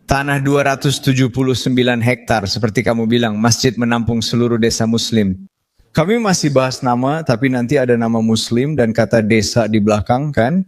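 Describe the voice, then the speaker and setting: A man's voice: mid-range voice, fairly quick. A man talking casually in a chatty, boastful way.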